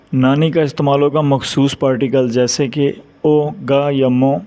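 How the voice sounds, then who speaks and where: A man with a Pakistani Urdu accent explains grammar at an unhurried, deliberate pace. He says each example twice, carefully spelling out the phrases for beginners. His pitch sits in an ordinary middle range for a man. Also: mellow, lo-fi sound. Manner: repeats each example phrase slowly, switching between languages. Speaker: Japanese teacher. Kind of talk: slow, deliberate grammar lesson.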